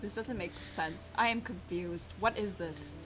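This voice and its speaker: A woman's voice: medium pitch, unhurried, over music, poor audio. A woman co-hosting a casual game playthrough, reacting bluntly and swearing now and then. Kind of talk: casual let's-play chat.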